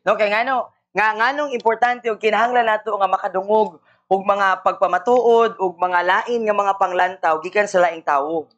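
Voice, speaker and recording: A woman's voice: medium pitch, fairly even intonation, normal speed, lo-fi sound. A woman interpreting a sermon live, rendering each phrase fluently and answering with frequent amens.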